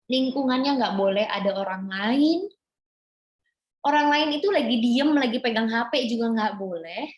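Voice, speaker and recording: A woman's voice: on the high side, moderate pace. A woman pediatrician patiently explaining advice to parents during a webinar, on a video call. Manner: patient, explanatory, demonstrates animated reading voice. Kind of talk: webinar talk advising parents. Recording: echoey room.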